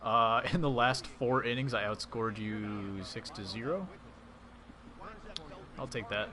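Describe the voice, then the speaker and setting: Speaking slowly at medium pitch, a man provides casual commentary on his own baseball video game for a live stream, reading and answering his viewers' chat. A crowd can be heard in the background.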